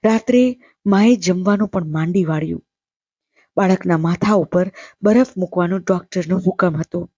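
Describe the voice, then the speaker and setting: Husky-toned woman reading a story. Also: lowish voice, no room sound, highs cut off. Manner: measured, steady narration. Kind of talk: reading a literary short story aloud.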